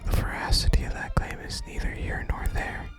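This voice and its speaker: Over background game music, an ASMR gaming creator reads in-game dialogue in a soft, breathy whisper, taking it slow and gentle while tossing in relaxed comments.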